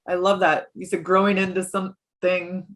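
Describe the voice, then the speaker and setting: A woman's voice: lowish voice, little pitch movement, moderate pace, a bit bright. A woman hosts a podcast and interviews a guest in a casual way. She sounds upbeat and keeps encouraging her guest. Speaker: podcast host.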